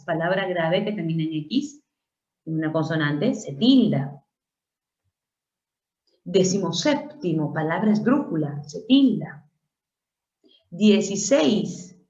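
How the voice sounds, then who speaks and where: A woman's voice: fairly low pitch, reverberant, lo-fi sound. A woman teaching a grammar lesson for exam prep, working through questions aloud, stretching out example words and asking rhetorical questions. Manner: explanatory, repeats and stresses example words, asks rhetorical questions. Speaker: language teacher.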